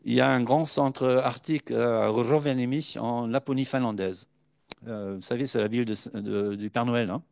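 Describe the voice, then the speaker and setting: A man's voice: mid-range voice, steady tone, normal speed, creaky, darkish tone, no room sound, studio quality. A man giving a university conference talk from slides, hesitant and full of filler sounds as he tells anecdotes. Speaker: lecturer.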